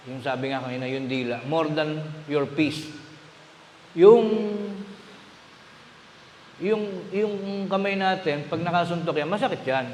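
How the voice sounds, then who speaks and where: A man's voice: a little high, a little hiss or hum. A man from Bulacan in the Philippines giving a sermon as a minister, teaching conversationally and asking the congregation rhetorical questions. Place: church hall. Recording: echoey hall with long reverb.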